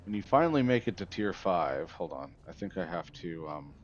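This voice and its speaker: A man's voice: low-pitched, big pitch swings, normal speed, muffled recording, a little hiss or hum. A man streaming a survival game, chatting casually and rambling, easily sidetracked while talking to a viewer. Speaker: gaming streamer. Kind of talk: casual livestream chat.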